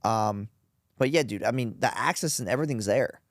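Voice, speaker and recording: A man's voice: medium pitch, brisk, dry recording, studio quality. Blunt, casual male podcast guest. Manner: blunt, casual, swears, keeps saying dude and bro. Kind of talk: casual interview chat. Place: podcast studio in Las Vegas.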